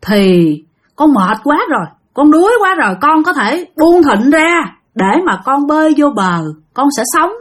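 A woman's voice: sits high, voice pushed up. A woman voicing the ghost of a drowned young man who earnestly begs his parents to forgive him. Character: drowned young man's ghost, devoted, apologetic.

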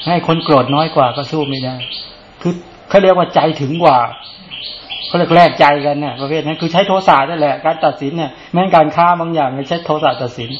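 A man's voice: on the high side, lo-fi sound, noisy background. A male Buddhist monk giving a casual dharma talk, talking conversationally and often asking rhetorical questions.

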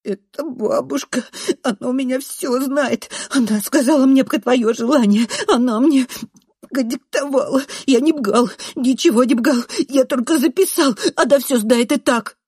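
Whiny high-pitched schoolboy with burred r, sobbing, as a woman puts him on. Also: moderate pace, darkish tone, slightly rough, dry recording, studio quality. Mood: whining. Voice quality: burred r, nasal whine. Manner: shrieking, sobbing.

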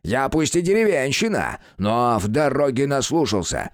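A man voicing a loud, cantankerous old village grandfather who yells taunts and boasts in an audiobook. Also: mid-range voice, big pitch swings, normal speed, no room sound, studio quality, voice pushed up, close to an everyday voice. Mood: shouting, taunting. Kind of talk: audiobook character voice.

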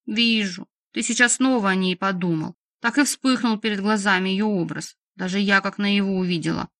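A woman's voice: mid-range voice, moderate pace, fairly bright tone, no echo, lightly acted. A woman reading an audiobook, voicing a passionate, bitter young female vampire who talks in a heated, impulsive, mocking way.

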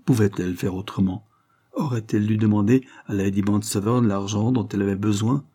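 A man narrating a classic novel with a low voice. His tone is mellow and slightly husky. He reads in a measured, literary way. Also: steady tone. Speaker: audiobook reader. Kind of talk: scripted narration.

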